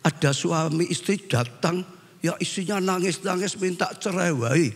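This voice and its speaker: High-voiced pastor preaching in a reverberant church hall. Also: male voice, unhurried, gravelly, slightly rough. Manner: animated and joking, addresses the congregation as "saudara". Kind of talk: sermon.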